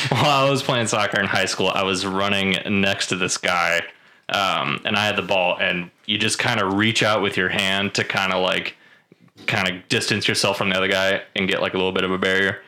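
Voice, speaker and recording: A man's voice: low-pitched, moderate pace, sharp tone. A young man co-hosting a podcast, telling stories in a laid-back casual chat and laughing often. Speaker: podcast co-host.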